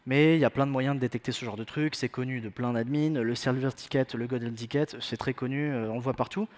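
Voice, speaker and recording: A man's voice: medium pitch, fairly even intonation, quick pace, darkish tone. A man giving a technical conference talk in a self-mocking, joking way, with many fillers. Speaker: conference speaker.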